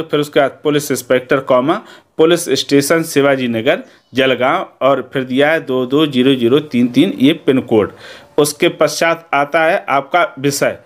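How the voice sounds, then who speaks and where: This Hindi teacher, a man with an Indian accent and a slightly high voice, delivers an instructional lesson. He explains methodically, step by step, and checks in after each point.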